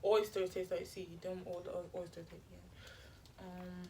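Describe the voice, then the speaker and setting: A woman's voice: on the low side, flat delivery, slow, darkish tone, a little hiss or hum. A woman talking casually to viewers while eating and chewing, in a mukbang question-and-answer chat. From Florida, United States. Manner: informal, addresses viewers as y'all. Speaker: mukbang host.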